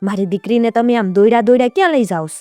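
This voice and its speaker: A woman's voice: on the high side, quick pace, a little mellow, no echo, voice pushed up, close to an everyday voice. A woman voicing a devoted elderly servant woman, frail but determined, in a folk tale. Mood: worried. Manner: pleading, calling out.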